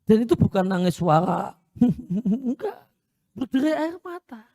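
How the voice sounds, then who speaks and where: A man's voice: high voice, big pitch swings, a little slow, vocal fry, warm tone, no room sound, studio quality. A male Islamic preacher, telling stories and repeating phrases for emphasis in a sermon lecture. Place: Islamic boarding school.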